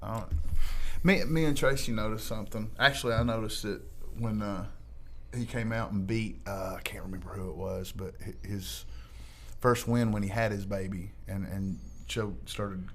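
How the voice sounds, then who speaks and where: A man's voice: fairly low pitch, normal speed, slight background noise. A man co-hosting a casual podcast, talking about old fights with friends and laughing often. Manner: laughs often, animated banter. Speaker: podcast co-host.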